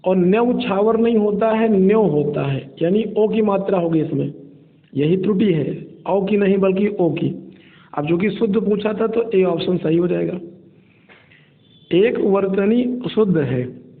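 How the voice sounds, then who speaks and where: Man teaching exam spelling, high voice, thin phone-line audio. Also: measured pace. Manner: steady, explains each answer option and repeats the correct form. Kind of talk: exam-prep spelling lesson.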